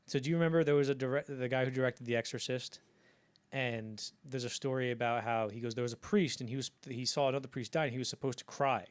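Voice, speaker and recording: A man co-hosting a casual film podcast, telling behind-the-scenes stories with animated asides and casual swearing. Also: mid-range voice, fast, clear, resonant tone. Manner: animated storyteller, acts out quotes, swears casually. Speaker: podcast co-host.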